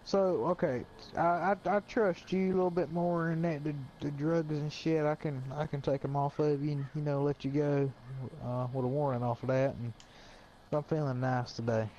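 A man's voice: a little high, fairly even intonation, moderate pace, warm tone, muffled recording, a little hiss or hum. Stammering man playing a cop. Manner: stammers, repeats words, swears casually. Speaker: police officer in role-play. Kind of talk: game role-play.

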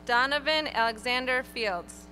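A woman reading graduates' names one by one at an outdoor graduation ceremony, in a clear, measured announcing manner. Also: high voice, bright, forceful tone, slight background noise. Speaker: graduation name reader. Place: outdoor stadium ceremony over PA.

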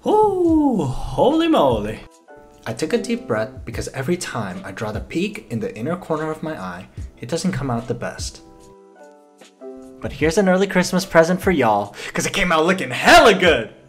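A young man doing a comedic voiceover for a makeup video, playful and jokey, swearing freely and throwing in loud exclamations. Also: a little high, big pitch swings, normal speed. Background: faint background music.

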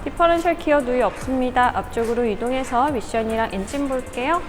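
A woman with a high-pitched voice presents a used car in a scripted sales walkaround. She moves through her inspection patter politely and in good order, and music plays behind her. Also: brisk. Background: background music.

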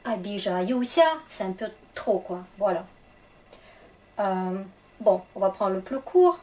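A woman's voice: medium pitch, takes it slowly, darkish tone. A woman with a Russian accent teaching Russian grammar in French, explaining patiently and checking in often. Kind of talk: grammar lesson for French speakers.

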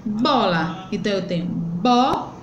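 Teacher woman with a slightly high, echoey voice. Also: animated, normal speed, lo-fi sound, noisy background. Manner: stretches words out syllable by syllable, patient and explanatory. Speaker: primary school teacher. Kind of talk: online grammar lesson for children. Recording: echoey room.

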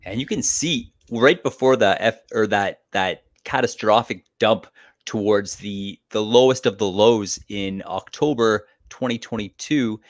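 A man co-hosting a crypto livestream over a video call, chatting and recapping the discussion for viewers. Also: fairly low pitch. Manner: conversational, recaps and moderates the stream. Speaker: livestream co-host.

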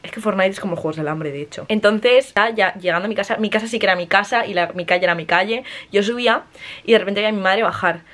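A woman's voice: medium pitch, fast, fairly bright tone. A woman, chatting casually to camera in a vlog, swearing freely and slipping in English words. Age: early 20s. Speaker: vlogger.

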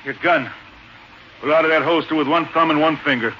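An actor playing a gruff outlaw posing as a cowhand, with a low, drawling, threatening manner, heard through an old AM radio broadcast. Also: male voice, fairly quick. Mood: menacing. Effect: old AM radio broadcast sound. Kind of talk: 1940s radio acting. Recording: muffled, hissy old radio recording.

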